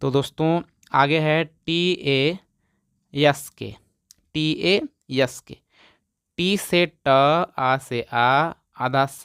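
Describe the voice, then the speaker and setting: Slow, clear male teacher. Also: on the high side, fairly bright tone, no echo, clean studio sound. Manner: spells out letters slowly, repeats words for students. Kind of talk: phonics lesson.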